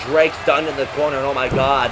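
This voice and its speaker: A man's voice: mid-range voice, level tone, fairly quick. A man working as a wrestling commentator, calling the action move by move with dramatic, exclamatory delivery. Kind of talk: excited play-by-play wrestling commentary. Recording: loud crowd and heavy arena noise. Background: noisy crowd.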